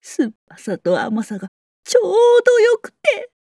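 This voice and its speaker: A woman's voice: high-pitched, huge pitch swings, moderate pace, creaky, darkish tone, no room sound, studio quality, heavily acted. A woman playing a chatty, secretive old townsperson who talks in a folksy, teasing, wise-elder way. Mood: chatty, fond. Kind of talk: character monologue.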